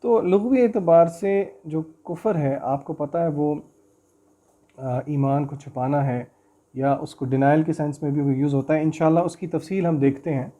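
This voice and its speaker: A man teaching a Quran recitation and tafseer lesson, chanting verses slowly and melodically, then explaining them in quick conversational speech. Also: a little high, mellow.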